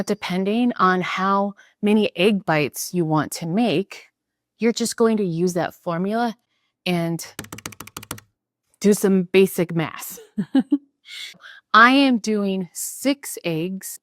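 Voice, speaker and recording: In her home kitchen, a woman chats her way through a cooking tutorial, laughing at herself while carefully going over each measurement. Her voice is medium-pitched, and the recording is dry and studio quality.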